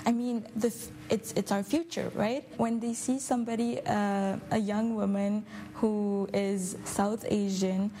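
A woman's voice: medium pitch, steady tone, unhurried, mellow. A young woman from Montreal in her twenties, a student and school board commissioner, answering interview questions hesitantly with many fillers. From Montreal, Canada. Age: 20s.

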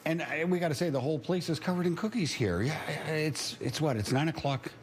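A man's voice: on the high side, lively intonation, fairly quick, slight background noise. A male radio host who narrates segments and asks friendly, playful interview questions.

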